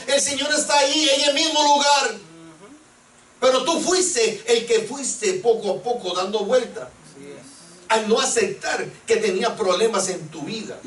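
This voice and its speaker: A man's voice: very high voice, fairly bright tone. A male preacher giving a sermon. He questions the congregation and acts out pleading prayers. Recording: echoey room, mic at a distance.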